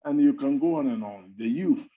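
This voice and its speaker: A middle-aged man, an academic researcher, speaking on a webinar panel in an animated, conversational way with playful asides. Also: mid-range voice, moderate pace, dull audio. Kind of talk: webinar talk.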